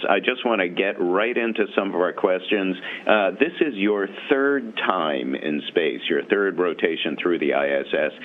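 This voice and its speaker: A man interviewing an astronaut over a space-to-ground radio link, asking measured, clearly framed questions. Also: low-pitched, slight background noise. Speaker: magazine interviewer. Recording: thin phone-like radio line.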